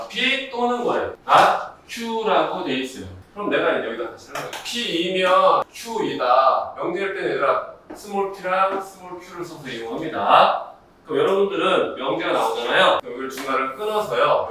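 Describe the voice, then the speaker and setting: A man teaching a high school math class, constantly quizzing his students and calling out to them. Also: bright, forceful tone. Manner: quizzing, repeatedly addressing students. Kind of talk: classroom lecture. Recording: echoey room, distant mic, faint noise.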